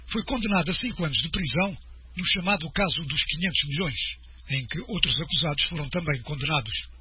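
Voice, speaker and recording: A man's voice: a little high, breathy edge. Man reading radio news, muffled. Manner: steady formal delivery. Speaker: news presenter. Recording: muffled radio broadcast with faint noise.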